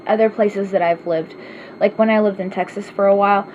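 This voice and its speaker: In a laid-back home vlog where she answers questions, an Arkansas woman talks fairly quickly in a steady, slightly mellow medium-pitched voice, chatting and rambling with self-deprecating humor. Faint hiss runs under the somewhat dull audio.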